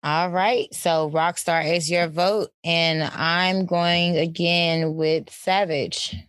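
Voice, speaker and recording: A woman's voice: fairly low pitch, steady tone, slow, fairly bright tone, smooth, no room sound. A woman co-hosting a podcast, steering the casual chat and calling on each host. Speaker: podcast co-host running the ballot. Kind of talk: casual award-picks chat.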